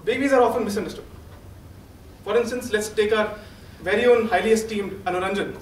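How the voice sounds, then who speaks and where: A young Indian-accented man gives a prepared humorous speech in a notably high voice. His delivery is formal, rehearsed and theatrical, with deliberate pauses. He is heard from a distance in a roomy, echoing space with faint noise. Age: young adult.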